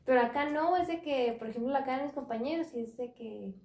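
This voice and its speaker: Warm-voiced Mexican woman in an echoey room. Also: sits high, fairly quick. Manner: slangy, frank storytelling. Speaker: podcast co-host. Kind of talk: casual chat.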